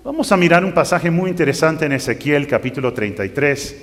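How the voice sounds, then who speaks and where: A man's voice: a little high, lively intonation, fairly quick, a bit bright. A man preaching a sermon, reading scripture aloud and rising to emphatic bursts. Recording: long reverb of a hall.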